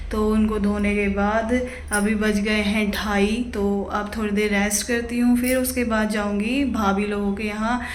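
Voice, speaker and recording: A woman's voice: on the high side, echoey room, slight background noise, rough recording. A young woman from Uttarakhand chatting casually to viewers in her home vlog, calling them guys. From Uttarakhand, India. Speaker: vlogger.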